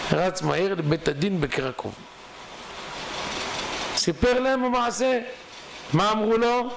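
A man, a rabbi, telling a dramatic story in a synagogue sermon, speeding up and slowing down for effect. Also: high voice, gravelly, background noise. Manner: dramatic storytelling, shifting pace.

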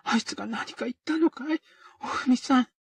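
A man doing a shrill, furious tenement woman. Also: a little fast, vocal fry, slightly rough, dry recording, exaggerated voice. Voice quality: shrill, hot-tempered, coarse-mouthed. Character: frantic middle-aged woman tenement neighbor.

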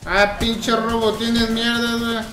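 Mexican male streamer, high voice, slangy swearing, casual game commentary, echoey room, some noise behind. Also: completely flat delivery, slow. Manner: slangy, profane. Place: indoor room. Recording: roomy, faint game noise.

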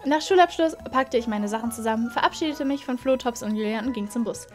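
A woman's voice: fairly high pitch, quick pace, faint music behind. A young woman in her twenties, a YouTuber, reading fanfiction aloud and chatting amused comments in between. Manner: chatty, amused asides between read passages.

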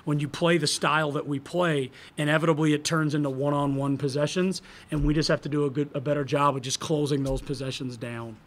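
Candid man coaching, higher-pitched voice. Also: fairly even intonation, a little fast, few pauses. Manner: candid, thinking aloud with restarts and fillers; gestures broadly while talking. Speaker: head basketball coach. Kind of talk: post-game press conference answers. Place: press room in front of a logo backdrop. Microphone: table microphone.

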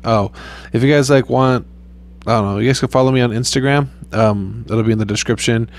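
Playing a mobile game on his YouTube channel, a young man chats in a loose, rambling, laid-back manner, swearing casually. His voice is flat and low-key, a little fast, with vocal fry.

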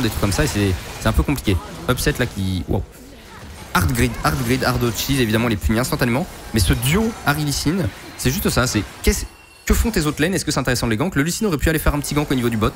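Dude analyzing a game replay super fast, lots of gamer slang, music playing under him. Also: male voice, mid-range voice. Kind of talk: esports replay commentary. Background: background music.

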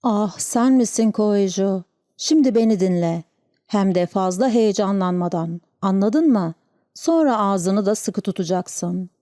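A woman's voice: medium pitch, measured pace, dark tone, no room sound, clean studio sound, close to an everyday voice. A woman voicing a stern, wounded Breton housekeeper who gives firm orders. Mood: commanding. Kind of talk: audiobook character reading.

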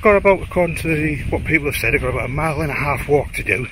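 A man's voice: fairly high pitch, animated, rapid-fire. Breathless Teesside man vlogging outdoors. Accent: Teesside English. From Teesside, England. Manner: chatty, self-deprecating, rambling asides. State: out of breath from hiking. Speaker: photographer vlogger. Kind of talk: casual walking vlog. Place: outdoors on a windy highland lochside trail. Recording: wind noise outdoors.

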